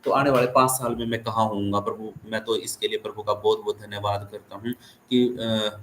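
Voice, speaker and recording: A man's voice: lowish voice, level tone, brisk, fairly bright tone, slight background noise. A man who is a pastor, giving earnest, encouraging counsel to a caller on an online meeting, often checking in with his listener. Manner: earnest, encouraging, many tag questions. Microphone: video call.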